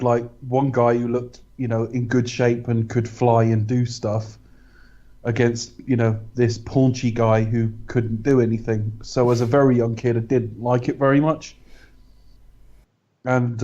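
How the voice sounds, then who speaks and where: A man chats through a film commentary with a sardonic, blunt edge. His voice is dark and mellow. The recording sounds a little dull and lo-fi. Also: mid-range voice, level tone, unhurried. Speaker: podcast co-host. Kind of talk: casual film-commentary chat.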